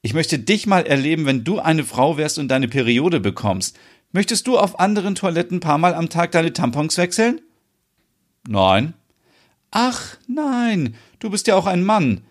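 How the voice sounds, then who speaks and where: A man's voice: fairly high pitch, lively intonation, moderate pace, voice pushed up, close to an everyday voice. Matter-of-fact young woman, read by a man, patient and explaining, storybook reading.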